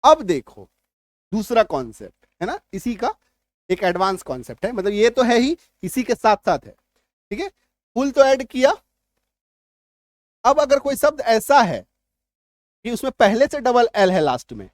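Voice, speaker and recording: A man's voice: very high-pitched, very animated, a little slow, pauses often, dry recording, clean studio sound. A man teaching English spelling rules, repeating points and checking if students follow. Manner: repetitive, reassuring, keeps checking understanding. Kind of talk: spoken lesson explaining spelling rules.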